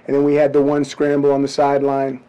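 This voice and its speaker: A middle-aged man, a head football coach, giving blunt, measured answers at a postgame press conference into table microphones. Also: mid-range voice, monotone, mellow, clear, resonant tone, highs cut off. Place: press room before a branded backdrop.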